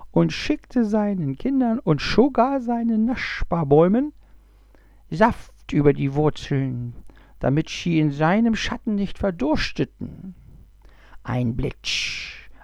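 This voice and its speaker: A man voicing a female snake in a storybook reading, with a lisping, hissing, whispery voice and a drawn-out delivery. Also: high-pitched, creaky, a little mellow, dry recording, voice pushed up, heavily acted.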